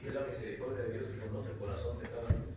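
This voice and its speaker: A middle-aged man preaching a sermon as pastor, in an animated way with rising exclamations. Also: mid-range voice, rapid-fire. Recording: echoey room from far off, noisy.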